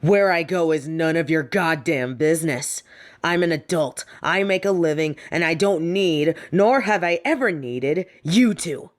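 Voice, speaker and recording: Her voice deep and her pace measured, the young woman voices a fed-up, defiant grown daughter from a snobbish wealthy family in scripted audio roleplay. The delivery is sardonic and emphatic, the mood angry and defiant.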